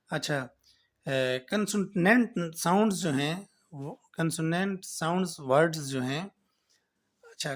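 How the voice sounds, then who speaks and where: A man teaching an English grammar lesson, explaining slowly, repeating points and often checking with "right?". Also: a little high, a bit bright. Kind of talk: classroom lecture.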